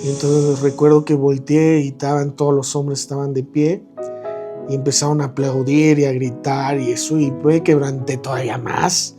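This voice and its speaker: A man with a Mexican accent shares his testimony as a podcast guest, with a medium-pitched voice and very lively storytelling. He acts out the voices of the people in his story and often laughs at his own mishaps. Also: normal speed, over music. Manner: animated, acts out quoted voices, laughs at himself.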